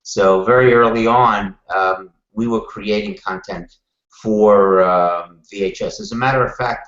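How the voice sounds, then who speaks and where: An older man with a Brooklyn accent speaks as an interview guest, answering conversationally in a wry, deliberate way. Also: on the low side, a bit bright. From Brooklyn, New York, USA. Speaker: guest, television producer. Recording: roomy, slightly muffled call audio.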